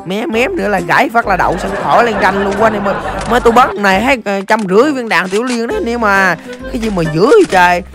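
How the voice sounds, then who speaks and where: A game streamer, giving excitable play-by-play commentary to viewers with rapid-fire exclamations. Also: medium pitch, loud music behind the voice, a loud crowd. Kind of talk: live gameplay commentary.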